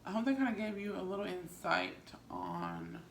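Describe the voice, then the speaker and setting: Creaky-voiced woman chatting casually in an echoey room. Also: mid-range voice, very animated, moderate pace. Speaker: vlogger and small business owner. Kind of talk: casual mukbang chat to viewers. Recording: roomy echo, faint background noise.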